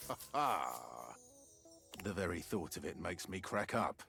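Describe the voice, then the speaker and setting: A stiff robotic butler, very deep, mechanical politeness, faint music behind. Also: male voice, sing-song, unhurried, gravelly, exaggerated voice. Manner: formal, mechanical and overly polite. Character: stiff, robotic male butler with a forced laugh.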